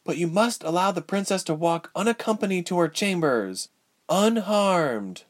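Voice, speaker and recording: A man's voice: sits high, lively intonation, normal speed, pitched above the performer's own voice. A man voicing a defiant young woman prisoner, urgent and pleading in a raised voice.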